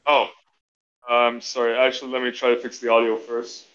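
A man's voice: mid-range voice, completely flat delivery, normal speed, a bit bright, muffled recording. Man on a glitching, garbled call line. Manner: hesitant, with fillers and restarts. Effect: glitching, garbled call audio. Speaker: caller. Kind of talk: casual call-in discussion. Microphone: headset over an online call.

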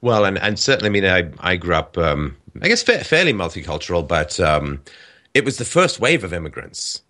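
A man hosting an animated, casual discussion. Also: low voice, brisk. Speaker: podcast host.

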